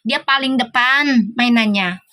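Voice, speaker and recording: High, bright-voiced teasing woman. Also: unhurried. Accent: Sundanese-flavored Jakarta Indonesian. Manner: teasing, laughing, playful banter. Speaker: live-stream tarot host. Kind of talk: casual live-stream chat with viewers.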